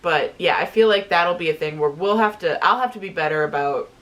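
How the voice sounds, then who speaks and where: A woman's voice: on the low side, fairly bright tone. Enthusiastic woman in casual book chat. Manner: enthusiastic, informal, halting and repeating herself. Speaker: co-host of a book review show.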